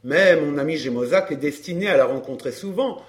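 A man's voice: a little high, expressive, brisk, natural voice. A man playing a brash, chatty flirt. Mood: glib. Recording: roomy echo.

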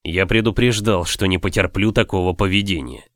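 A man's voice: deep voice, a little fast, a bit bright, no echo, studio quality. A man voicing a stern noble husband in an audiobook, speaking coldly in clipped, lecturing sentences. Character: stern lord husband, cold and controlled.

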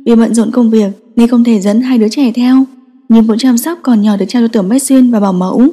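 A woman narrating a story in a steady, scripted storytelling style. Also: fairly high pitch, brisk, long reverb tail. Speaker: audiobook narrator.

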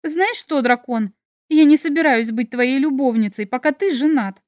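A woman's voice: high voice, normal speed, darkish tone, no echo, clean studio sound, close to an everyday voice. Woman voicing a flustered, sarcastic heroine. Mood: puzzled. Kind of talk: audiobook character voice.

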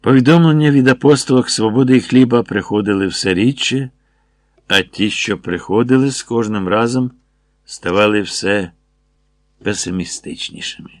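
A man's voice: on the low side, normal speed, no room sound. Man reading an audiobook, dry sound. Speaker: audiobook narrator. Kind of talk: audiobook narration.

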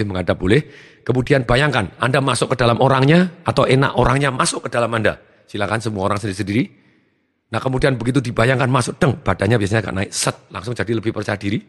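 Man, motivational trainer, energetic, very quick delivery, long hall reverb. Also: medium pitch. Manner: energetic, acts out his students' lines. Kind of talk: seminar talk.

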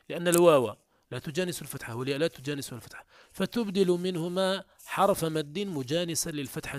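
A man with a somewhat high voice explains grammar to his students. He works step by step, restarting and repeating words as he goes. The sound is close and dry, with no room echo. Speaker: teacher. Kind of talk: recorded grammar lesson.

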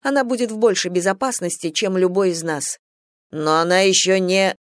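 A man's voice: high-pitched, normal speed, no room sound, studio quality, lightly acted. An audiobook narrator voicing a firm, exasperated young male general.

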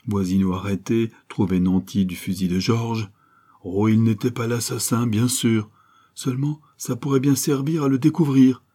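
A man reading aloud voices an old village priest who speaks gravely and wearily. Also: medium pitch, fairly even intonation, dark tone, lightly acted. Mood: weary. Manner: grave, slow and weary.

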